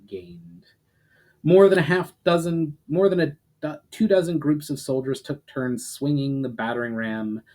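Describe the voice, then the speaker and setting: A writer reads his own fantasy story aloud as dramatic narration, his voice medium-pitched and slightly mellow. He stresses the start of each phrase and lets sentence endings trail off.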